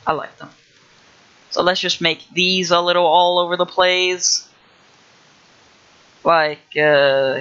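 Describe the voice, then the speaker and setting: A man's voice: high-pitched, bright, forceful tone, highs cut off. A young man livestreaming as he builds a game level, rambling casually with lots of fillers and restarts. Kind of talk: casual thinking-aloud livestream.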